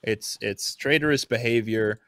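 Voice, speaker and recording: A man's voice: lowish voice, normal speed, fairly bright tone, no room sound. A man co-hosting a political podcast, talking in an indignant, sarcastic way. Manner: indignant, sarcastic, mocking mimicry. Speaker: podcast co-host. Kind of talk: casual political chat.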